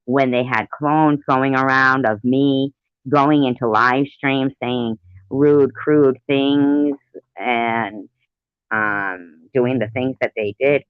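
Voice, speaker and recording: A middle-aged woman reacts to played audio with indignant, emphatic personal commentary, often repeating her phrases. Her voice is extremely low and fairly even in intonation, slow and clean with no echo, though the recording itself is dull and lo-fi.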